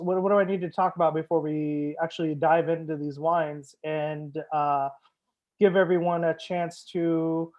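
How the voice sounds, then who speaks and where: Upbeat high-voiced male sommelier host. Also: a little mellow. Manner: casual, upbeat, chatty with frequent fillers. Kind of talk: live-streamed wine tasting talk.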